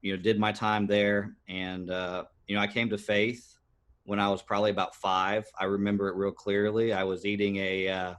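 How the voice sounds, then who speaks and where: Man, thirties, podcast guest; lower voice, halting storyteller with fillers. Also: little pitch movement, a bit bright, clean tone. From United States. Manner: earnest, halting with many fillers and restarts. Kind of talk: personal storytelling interview.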